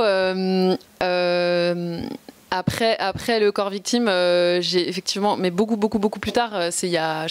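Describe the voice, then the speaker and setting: A woman filmmaker talking to an audience at a live event in a shop, hesitant and apologetic, with many fillers and restarts. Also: fairly low pitch. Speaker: filmmaker guest at a public talk. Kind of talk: casual public talk to an audience.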